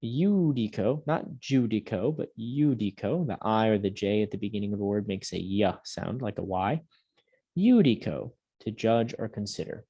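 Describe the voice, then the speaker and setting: A man teaching a Latin lesson to young students, patiently drilling words aloud slowly and clearly. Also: fairly low pitch, level tone, a little mellow, highs cut off. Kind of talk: recorded classroom lesson.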